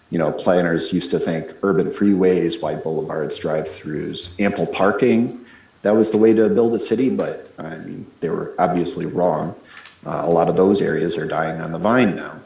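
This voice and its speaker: A man calling in to a council meeting by phone, making an earnest, measured case. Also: sits low, darkish tone, echoey room. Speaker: caller giving public comment. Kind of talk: call-in public comment. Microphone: phone call.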